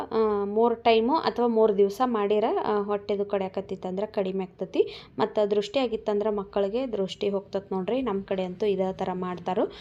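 A woman's voice: mid-range voice, a little mellow. Chatty young mother vlogging at home. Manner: chatty, keeps saying "look" to viewers. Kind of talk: casual home vlog narration.

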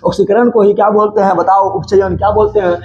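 High-voiced, mellow-toned man drilling students. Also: steady tone, fast. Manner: repetitive call-and-response drilling, playful. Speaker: teacher. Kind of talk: chemistry lesson for exam prep. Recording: dull lo-fi recording.

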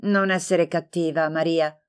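A woman voicing a gentle, lonely young woman who answers softly and patiently in a storybook reading. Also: sits low, fairly even intonation, a little slow, clear, resonant tone.

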